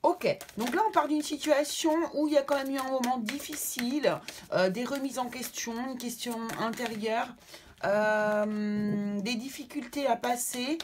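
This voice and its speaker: A woman's voice: on the high side, unhurried, a little hiss or hum. A woman giving a tarot card reading to her viewers, talking reassuringly and often checking in with them. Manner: affectionate sign-offs to viewers.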